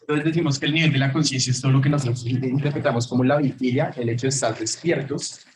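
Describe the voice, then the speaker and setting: A fast-talking man with a medium-pitched, steady voice teaches a class that's simultaneously on Zoom, and the large room makes his voice ring with heavy echo. Laid-back and prone to fillers, he keeps testing the students with questions.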